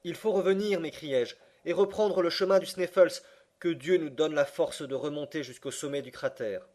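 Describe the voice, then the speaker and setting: A man's voice: on the high side, normal speed, darkish tone, natural voice. A man voicing a desperate, exhausted young explorer in an audiobook, pleading and urgent. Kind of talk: audiobook character reading.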